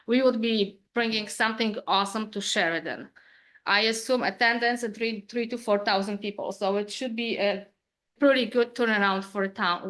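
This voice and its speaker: Woman, Polish accent, restaurant owner, public comment, bright tone, hesitant fillers. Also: medium pitch. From Poland. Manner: informal non-native English, hesitant fillers. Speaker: restaurant owner presenting to council.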